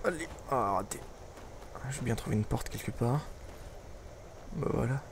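A man's voice: medium pitch, lively intonation, measured pace, background noise. A man giving casual, wry running commentary while playing a video game, muttering asides to himself. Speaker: let's play gamer.

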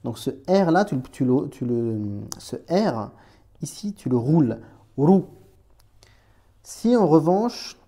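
A man's voice: a little high, big pitch swings, unhurried, warm tone. A man teaching Arabic letters in a chatty, informal way, talking straight to the learner with many restarts. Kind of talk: informal screen-recorded lesson.

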